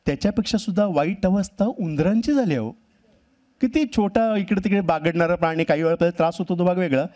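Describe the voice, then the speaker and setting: A cartoonist giving a wry, humorous storytelling talk on a festival stage. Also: male voice, sits high, fast, darkish tone. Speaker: cartoonist speaker. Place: live event stage.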